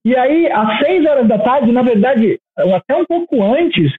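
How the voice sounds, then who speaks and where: A Brazilian man co-hosting a podcast, explaining things casually in a halting way over a thin, tinny connection. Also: extremely high pitch, lively intonation, slight background noise. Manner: halting, hesitant delivery. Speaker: podcast co-host. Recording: tinny narrow-band remote connection.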